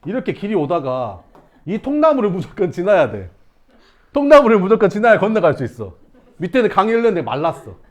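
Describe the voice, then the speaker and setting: Animated male teacher telling a story. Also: high voice, fairly quick. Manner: animated, acts out scenes with shouts and sound effects. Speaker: math teacher. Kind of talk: storytelling to students in class.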